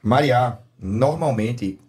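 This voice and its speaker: Animated Brazilian man telling stories. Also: mid-range voice, slow, slightly rough. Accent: Brazilian Portuguese. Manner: animated storyteller, laughs often, mimics his daughter. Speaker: podcast co-host. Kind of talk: casual chat.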